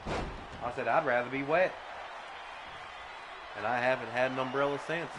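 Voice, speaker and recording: A man doing comedic mock wrestling commentary, deadpan and absurd, often stammering into restarts. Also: medium pitch, moderate pace. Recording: noisy background.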